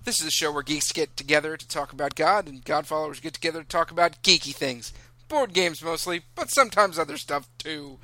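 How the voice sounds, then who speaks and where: Bright-voiced chatty male podcast host. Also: on the high side, fairly quick, no room sound. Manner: chatty, self-deprecating, rambling with restarts. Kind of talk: casual podcast chat. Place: room in his house.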